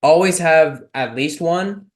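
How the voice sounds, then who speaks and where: A man's voice: on the high side, takes it slowly. A young man from Texas, giving a casual, filler-heavy online lecture on speech and debate with questions from listeners.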